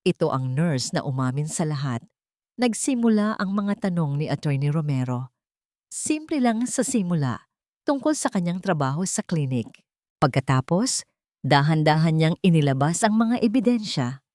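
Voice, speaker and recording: A woman with a Filipino accent narrates a dramatic scripted story as an audiobook reader. Her low-pitched voice is very animated and a little mellow, at a normal speed. The sound is dry and clean, studio quality.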